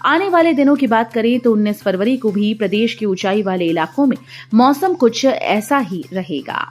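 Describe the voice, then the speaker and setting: A woman with a fairly high voice reads scripted news headlines one after another. Her delivery is steady and formal, like a bulletin. Faint music plays under her voice the whole time. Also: normal speed. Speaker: news reader.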